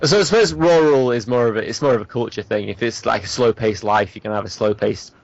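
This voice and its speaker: A man with a British accent chatting casually on a podcast and reasoning out loud. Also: medium pitch, quick pace, gravelly. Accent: British English. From Britain. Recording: dry, slightly muffled mic.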